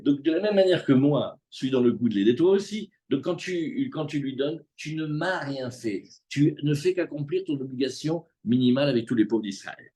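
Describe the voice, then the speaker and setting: A man's voice: mid-range voice, moderate pace, hardly any pauses, slightly rough. A man teaching a live Talmud class to students, acting out the characters' lines as he explains. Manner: animated, acts out the characters' lines.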